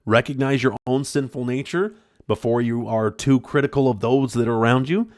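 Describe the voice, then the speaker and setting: A man's voice: medium pitch, fairly even intonation, moderate pace, no room sound, studio quality. A man hosting his own podcast, talking through a book in an earnest, rambling way with lots of fillers and restarts. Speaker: podcast host. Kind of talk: reflective solo book talk.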